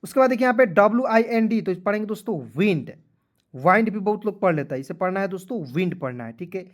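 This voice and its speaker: A tired man teaching an online lesson, spelling out English words letter by letter, then slowly saying each one while checking that viewers follow. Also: high-pitched. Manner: keeps addressing viewers as friends, checking "clear?".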